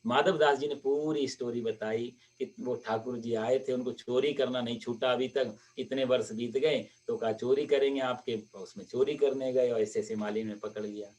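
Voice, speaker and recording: A male preacher narrating a devotional story sermon in a lively storytelling manner. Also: mid-range voice, moderate pace, few pauses, distant mic.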